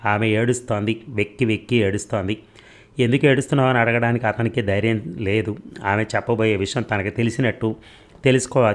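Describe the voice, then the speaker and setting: In a low voice, a middle-aged man narrates a story with steady, measured reading. He voices the dialogue of both lovers, giving each character's lines their own turn without breaking the flow.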